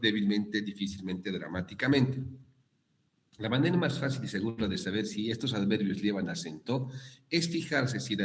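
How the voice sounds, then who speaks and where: A man with a Bolivian Spanish accent giving a university prep lesson on written accents, explaining slowly with frequent fillers and self-corrections. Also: lowish voice. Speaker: guest lecturer.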